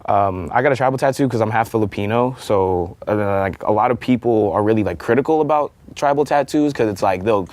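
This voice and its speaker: Lowish in pitch and fairly quick, with few pauses, this young panel guest in a college TV studio keeps the chat casual. His animated storytelling is packed with slang and fillers.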